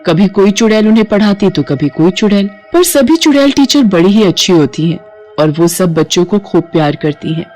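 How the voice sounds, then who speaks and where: A woman giving scripted narration for a cartoon ghost story in an even, storytelling manner. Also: medium pitch, brisk, soft background music.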